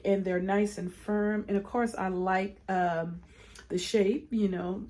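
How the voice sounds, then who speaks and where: Congested from a cold, a plant vlogger gives a casual tour of her plant collection in a mellow, mid-range voice. She is chatty, with frequent ums and restarts.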